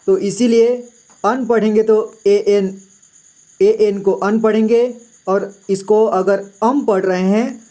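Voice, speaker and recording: Slow, patient male teacher. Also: high-pitched, fairly even intonation, dark tone. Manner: patient, repeats "theek hai" often. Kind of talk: slow classroom explanation.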